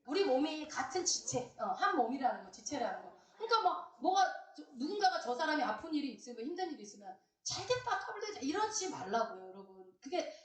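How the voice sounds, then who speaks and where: A middle-aged woman pastor giving a lively, teasing sermon, asking questions and acting out quoted voices. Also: high-pitched, quick pace, hardly any pauses. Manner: animated, teasing, acts out quoted voices, asks the congregation questions. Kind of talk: lively Bible-study sermon. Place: church hall. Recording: roomy church sound, mic some distance off.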